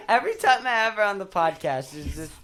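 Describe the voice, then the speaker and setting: A man's voice: high-pitched, very animated, fairly quick, noisy background. A young man hosting a podcast in casual chat, jokey and teasing, often talking over his guests. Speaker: podcast host.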